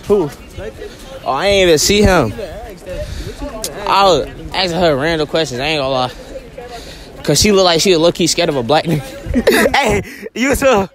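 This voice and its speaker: A man's voice: a little high, expressive, normal speed, pauses often. A young man vlogging casually on his phone while walking a snowy college campus, talking in blunt slang and joking complaints. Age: young adult. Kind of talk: casual vlog chat. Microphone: phone held at arm's length. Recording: outdoor phone audio with crowd.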